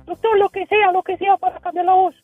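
A man voicing a whiny young male patient with a squeaky voice, over a dull phone line. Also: flat delivery, brisk, dry recording, soft background music. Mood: desperate.

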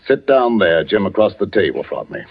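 An actor playing a gentle, anxious village vicar and father in 1940s radio drama. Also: deep voice, sing-song, fairly quick, husky, exaggerated voice. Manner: gentle, fretful, formal. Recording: dull old radio broadcast with faint hiss.

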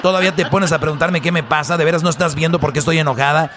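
A man's voice: a little high, moderate pace, faint music behind, natural voice. A man voicing a furious, hysterical wife with a Mexican accent, shrilly hurling insults at her husband. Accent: Mexican Spanish.

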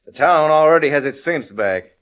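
An actor playing an excitable, talkative frontier townsman in a 1950s radio western. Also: a little high, moderate pace. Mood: pleased, animated. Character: excitable, gabby frontier townsman, relieved and admiring. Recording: tinny, narrow old 1950s radio recording.

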